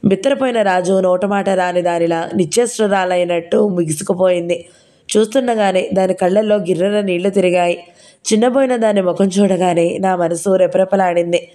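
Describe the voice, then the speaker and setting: Mellow-voiced woman narrating a novel. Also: on the low side, moderate pace. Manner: steady storytelling. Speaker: audiobook narrator. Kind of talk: first-person novel narration.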